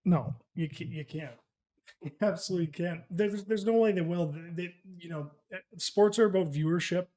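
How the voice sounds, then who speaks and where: Casting: male podcast sidekick, high voice, loose frat-bro banter with swearing and stumbling restarts. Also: normal speed, a little mellow. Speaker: podcast co-host. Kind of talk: casual sports podcast banter.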